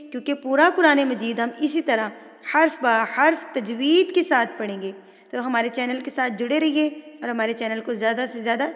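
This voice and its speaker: Woman, high voice, patient recitation teacher; slow drawn-out reading; reverberant room. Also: a bit bright. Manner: patient step-by-step explaining. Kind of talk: online tajweed lesson.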